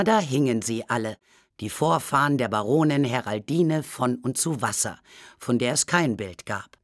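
A narrator reading a children's storybook aloud with calm, unhurried storytelling. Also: mid-range voice, dry recording, clean studio sound. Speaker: audiobook narrator.

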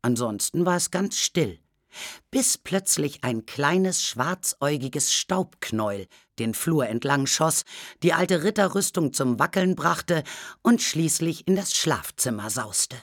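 A narrator reading a children's storybook aloud with calm, unhurried storytelling. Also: medium pitch, no room sound, clean studio sound. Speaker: audiobook narrator.

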